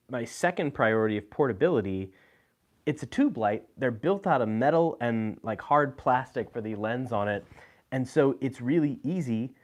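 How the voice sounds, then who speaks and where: A man hosting a live video, talking casually about his gear, with frequent fillers and restarts. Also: medium pitch. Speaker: host. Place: indoor room with lights.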